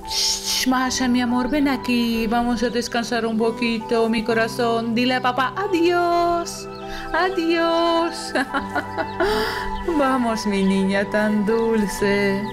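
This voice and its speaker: An affectionate older mother played by a woman in a dubbed family drama. She talks slowly at a middling pitch, over faint music. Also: expressive, lightly acted.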